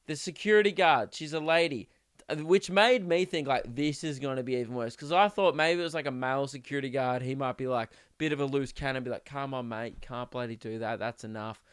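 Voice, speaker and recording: A man from Melbourne with an Australian accent, hosting his podcast and telling a comic story in an animated, slangy way. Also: fairly high pitch, a little fast, clear, resonant tone, no room sound, studio quality. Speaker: podcast host, comedian.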